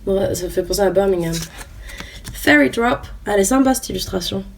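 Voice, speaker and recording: A woman's voice: mid-range voice, fairly quick, gravelly. Young woman, chatty unboxing talk, hesitant fillers, a bit far from the mic, faint background hiss. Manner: chatty, hesitant with many fillers, reads card names aloud. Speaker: YouTuber opening trading cards. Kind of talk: casual unboxing chat.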